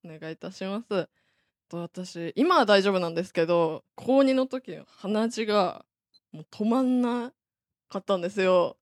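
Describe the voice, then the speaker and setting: A young woman from Saitama introducing herself with an animated story. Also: mid-range voice, moderate pace, dry recording, clean studio sound. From Saitama, Japan. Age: young adult. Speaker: new student guest. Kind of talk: self-introduction anecdote.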